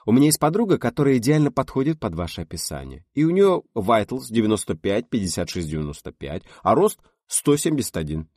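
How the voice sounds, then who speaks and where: A man voicing a bold, blunt, energetic young woman in an audiobook reading. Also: mid-range voice, brisk, few pauses, no echo, studio quality, pitched above the performer's own voice. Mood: eager. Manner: snappy, bold, mocking. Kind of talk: audiobook character voice.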